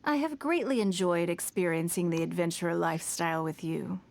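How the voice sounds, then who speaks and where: A woman voicing a self-made young businesswoman in a video game, calm and earnest, who is fond of fish and picky about food. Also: fairly low pitch, a little fast, creaky, a little hiss or hum. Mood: reflective. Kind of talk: game character dialogue.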